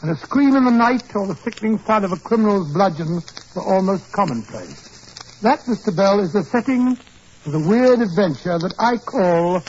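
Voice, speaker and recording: High-voiced genial English doctor, old radio. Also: male voice, animated, moderate pace, darkish tone, slight background noise. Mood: genial, avuncular. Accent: British English. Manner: avuncular, atmospheric, dramatic storytelling. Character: Doctor Watson, genial older English doctor recounting old adventures. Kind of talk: 1940s radio drama narration. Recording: muffled 1940s radio recording with music behind.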